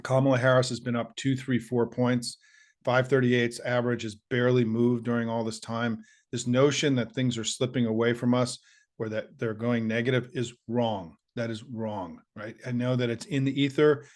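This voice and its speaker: A middle-aged man with a slightly hoarse, squeaky voice, hosting his political show and giving an earnest, upbeat pep talk straight to his audience. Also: level tone, normal speed. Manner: earnest, upbeat, rallying, with listing and asides.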